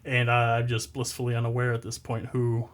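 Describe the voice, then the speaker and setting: A man's voice: medium pitch, monotone, brisk. A man hosting a casual podcast chat. He jokes about himself, laughs easily and keeps the talk loose and friendly. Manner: jokey, self-deprecating, laughs often. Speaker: podcast host.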